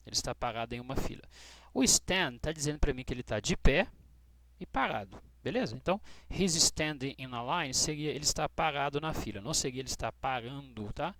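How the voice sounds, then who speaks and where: A Brazilian man teaching English grammar to students, patient and checking in often with short questions, spelling out letters slowly. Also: medium pitch, expressive, a bit bright, no echo. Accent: Brazilian Portuguese. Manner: spells out letters slowly, stressing key words. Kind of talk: explaining grammar rules to students.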